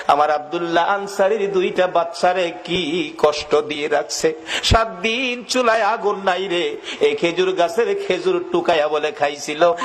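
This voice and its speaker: A sorrowful, gentle holy man pleads in a slow, drawn-out chant, as a preacher acts him out in a sermon. The voice sits high for a man. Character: grieving Prophet, gentle, sorrowful older man.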